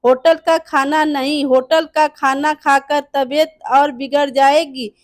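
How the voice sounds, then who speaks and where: Woman voicing a stern fake doctor, young man, high voice, slow, dry, storybook. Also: fairly even intonation, no echo. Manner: stern, instructing.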